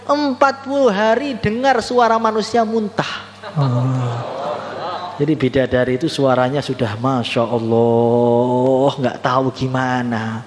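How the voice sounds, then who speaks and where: A man preaching a storytelling sermon at a mosque gathering, with drawn-out pious exclamations and teasing asides to the audience. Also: medium pitch, animated. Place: mosque gathering after evening prayer. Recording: reverberant hall with faint background hum.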